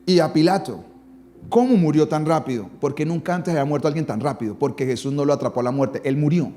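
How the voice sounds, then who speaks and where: A man's voice: on the high side, fast talker, dark tone. A man preaching a sermon as pastor, dramatic, with his voice rising and falling for emphasis.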